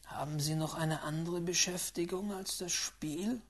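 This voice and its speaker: A stern, reserved Englishman in an audiobook, as a reader puts him on, speaking in a low, breathy half-whisper. Every word comes slow and weighed. The tone is grave and earnest, never raised. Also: steady tone. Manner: hushed, half-whispered, measured delivery. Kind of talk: audiobook reading.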